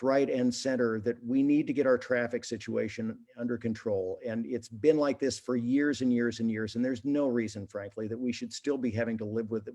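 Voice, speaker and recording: A man's voice: medium pitch, a little mellow. A man speaking as a mayoral candidate in a video-call forum, earnest and prone to restarting his sentences.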